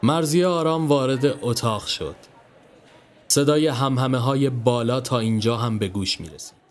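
A man narrating a scripted story in a calm, measured way. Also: mid-range voice. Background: faint background music.

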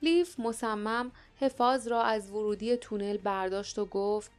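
A woman narrating an audiobook in an even, measured reading. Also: mid-range voice, faint music behind. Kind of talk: scripted storybook narration.

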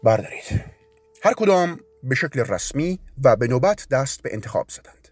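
A man reading a story aloud as narrator, in a steady, even storytelling manner. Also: medium pitch, slightly rough, no room sound.

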